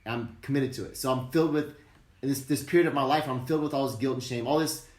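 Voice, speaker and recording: Male podcast guest, earnest and emphatic, blunt swearing, mid-pitched, roomy echo on the recording. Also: fast talker. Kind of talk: candid interview talk.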